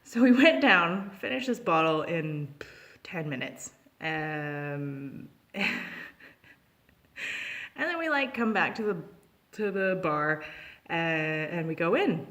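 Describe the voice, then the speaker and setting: Speaking slowly with long pauses, this storytelling vlogger has a fairly low voice and a Canadian accent. The young woman recounts a personal story casually and chattily, livening up whenever she acts out dialogue.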